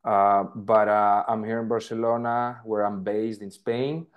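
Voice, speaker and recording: A man with a lowish voice speaks English on a video call. He introduces his consulting work. He pauses often on "uh" as he searches for words. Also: little pitch movement, narrow, tinny audio. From Greece. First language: Greek. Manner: hesitant, many "uh" fillers. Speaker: trade consultant. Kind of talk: online meeting introduction.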